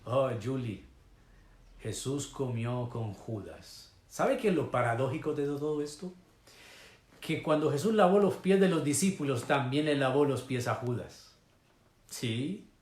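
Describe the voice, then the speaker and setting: A man preaching an online sermon as pastor, swinging from loud declarations to hushed, slow lines and greeting viewers by name mid-sentence. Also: mid-range voice, roomy sound.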